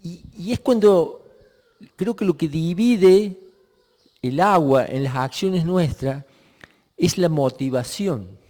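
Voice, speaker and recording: Working through a passage in a reflective sermon, a man often stops and starts his sentences over. He has a dark, mellow tone pitched fairly high for a male voice, and a lengthy reverb lingers behind it.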